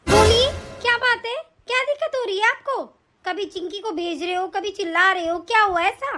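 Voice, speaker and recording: A woman's voice: very high-pitched, brisk, over music. Woman voicing a nagging, cruel daughter-in-law. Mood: harsh. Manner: sharp, nagging, scolding. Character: cruel, scolding young daughter-in-law, mother. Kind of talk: animated story voice acting.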